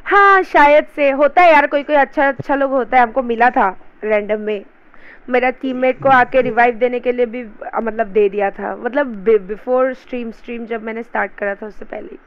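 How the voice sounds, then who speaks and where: A streamer with an Indian Hindi accent, chatting casually and excitedly on a live game stream and often repeating pleas. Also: medium pitch, normal speed, smooth, dull audio. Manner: excited, pleading, repeating itself.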